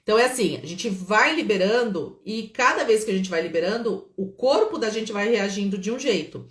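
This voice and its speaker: A woman's voice: mid-range voice, normal speed. Brazilian woman guiding a roomy session. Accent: Brazilian Portuguese. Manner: calm, checks in often with "tá?". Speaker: therapist. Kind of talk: guided live healing session. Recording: roomy echo.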